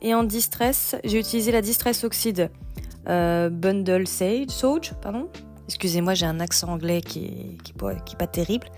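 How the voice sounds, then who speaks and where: A woman's voice: medium pitch, little pitch movement, a little fast, few pauses. Female craft tutorial host, informal and chatty, mid-range voice, faint music underneath. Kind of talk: casual step-by-step tutorial narration. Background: background music.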